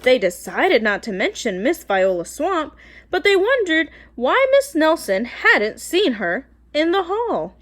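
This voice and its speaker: A woman's voice: high-pitched, sing-song, measured pace. A woman teacher reading a children's storybook aloud expressively, phrasing carefully and talking directly to her young listeners.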